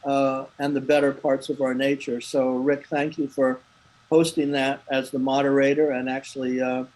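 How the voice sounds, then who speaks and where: A man's voice: medium pitch, level tone, normal speed, a little mellow, poor audio. A man speaking earnestly and thoughtfully on a video call, restarting phrases as he goes. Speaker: panelist. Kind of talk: casual online talk.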